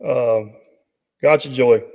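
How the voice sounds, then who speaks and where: Hosting a casual live stream, a man with a medium-pitched voice and vocal fry takes his time, rambling with plenty of fillers and reading out viewer comments. The audio is dull, with long reverb.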